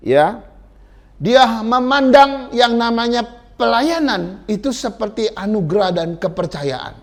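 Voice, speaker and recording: A male pastor delivering a sermon in a church with a fairly high voice. His storytelling is dramatic, swinging between loud emphatic lines and quiet asides. He speaks straight to the congregation. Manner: dramatic storytelling, addresses listeners as brothers and sisters.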